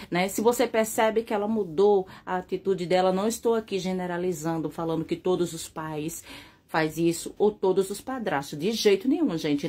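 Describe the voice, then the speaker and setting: A woman's voice: mid-range voice, warm tone. A woman with a Brazilian accent gives an earnest first-person testimony about her family, speaking straight to her viewers and checking in with frequent tag questions. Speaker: mother telling her own story.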